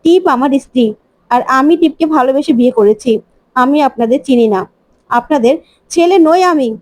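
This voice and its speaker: A young husband from a serial retelling, stern and dismissive, voiced high and plain by a woman narrator. The sound is close and dry. He rebuffs each claim with irritation. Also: normal speed, no echo. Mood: angry. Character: man insisting he is someone else.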